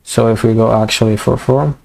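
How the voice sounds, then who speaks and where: A young man walking through a coding tutorial in a halting way, full of fillers and restarts, as his voice gives out. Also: medium pitch, steady tone, vocal fry, darkish tone. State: losing his voice. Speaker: programming tutor. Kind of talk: screen-recorded coding tutorial.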